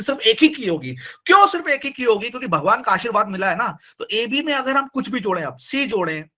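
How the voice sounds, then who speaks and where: A man teaching a live online class, animated and repetitive, often urging students to reply. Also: sits high.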